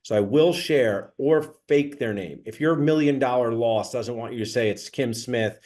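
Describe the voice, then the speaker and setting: Upbeat male host coaching sponsors through intros, mid-pitched, easygoing delivery. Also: moderate pace, darkish tone. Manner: enthusiastic, laughs often, coaching. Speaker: host running a sponsor rehearsal.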